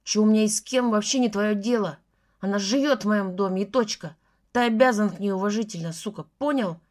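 A woman's voice: fairly high pitch, animated, a little fast, darkish tone, close to an everyday voice. A woman reading an audiobook, voicing a furious, foul-mouthed young man who barks threats. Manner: swearing, barking threats. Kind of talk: audiobook dialogue.

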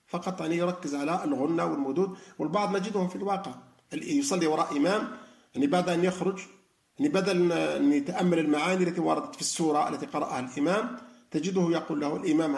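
A man's voice: fairly high pitch, creaky, reverberant. A man giving a spoken religious lesson, explaining with frequent fillers and restarts. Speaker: lecturer on Quran reflection.

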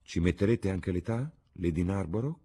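A weary young gentleman, read by a man, speaking softly in a low, husky murmur. His lines are gentle and quiet beside the louder guests. It sounds like a novel read aloud. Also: normal speed. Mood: wistful. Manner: soft, murmuring.

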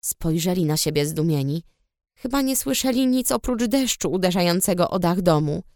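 A woman's voice: on the low side, lively intonation, normal speed, darkish tone, dry recording. Woman narrating a storybook, dry close sound. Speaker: audiobook narrator. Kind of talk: first-person storybook narration.

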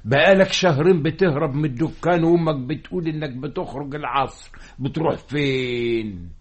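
An actor playing a stern, domineering middle-aged fez-maker father, speaking with an Egyptian accent in a radio drama, his voice a little husky. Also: fairly high pitch, a little fast, dull audio. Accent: Egyptian Arabic. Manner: domineering, blustering.

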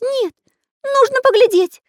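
A woman voicing an excitable little male pencil artist in a storybook reading, squeaky, urgent and insistent. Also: measured pace, no echo, studio quality. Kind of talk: storybook narration.

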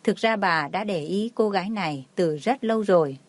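A woman tells a dramatic story in an even storytelling voice. Her voice sits at a middle pitch. It is recorded close and dry, with no room sound. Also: moderate pace, no echo. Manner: reads all the figures herself, barely changing her voice. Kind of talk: scripted narration.

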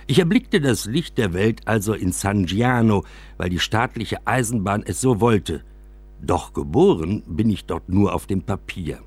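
A man narrates a scripted first-person radio play, telling the story of his railway-side childhood with wry exaggeration. He is an expressive storyteller with a low voice, an unhurried pace and a breathy edge. There is no room sound.

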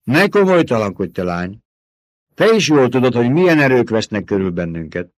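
A stern old woman who scolds and mocks with cold authority, as a male reader puts her on. Her voice sits high and carries loudly, with a dry, close sound. It is an audiobook performance. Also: big pitch swings, no echo, lightly acted. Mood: scornful. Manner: mocking and domineering. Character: stern scornful old woman, a reverend mother.

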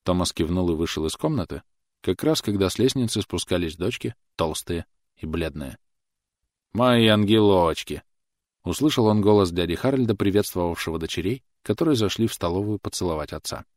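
Deep-voiced man reading a novel. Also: lively intonation, a little fast, darkish tone, no echo, clean studio sound. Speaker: audiobook narrator. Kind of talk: scripted narration.

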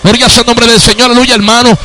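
A man's voice: very high-pitched, flat delivery, fast talker, bright, forceful tone. A man with a Puerto Rican Spanish accent preaching and praying fervently on a radio program, peppering his talk with hallelujahs. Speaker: evangelist.

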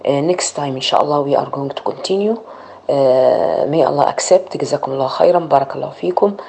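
A woman's voice: deep voice, moderate pace, vocal fry, mellow. A woman teaching Quran reading. She spells each word out letter by letter and then blends the sounds together, in Arabic and English. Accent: Egyptian Arabic. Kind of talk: slow spelled-out recitation lesson.

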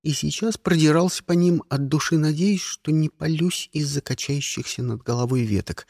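A man's voice: a little high, moderate pace, gravelly, darkish tone, breathy edge, dry recording, studio quality. A man narrating an audiobook in the first person, with a wry, sardonic storytelling manner.

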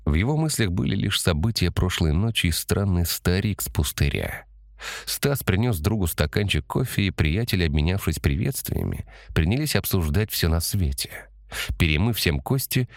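A man narrating a story in a steady, measured audiobook reading. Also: deep voice, creaky, no echo, studio quality.

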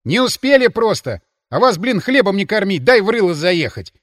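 A man voicing a brash, scruffy male guard who talks loud and coarse in a lively, high-pitched voice. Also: a little slow, in a large hall, exaggerated voice. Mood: indignant.

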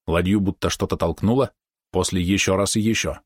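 Male audiobook narrator, low voice, dry close sound, steady reading. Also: breathy edge, dry recording. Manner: steady, measured storytelling. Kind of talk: scripted narration.

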